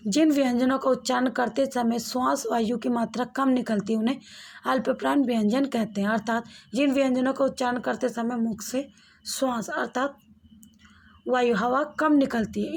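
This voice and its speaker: A woman teacher giving a classroom grammar lesson, slowly sounding out each letter and speaking directly to her students. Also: on the high side, slight background noise. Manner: slow, demonstrates each sound aloud.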